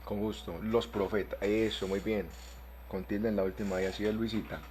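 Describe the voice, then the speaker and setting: A man teaching an online Bible class, explaining terms step by step and spelling words out slowly. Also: lowish voice, level tone, over a noisy crowd.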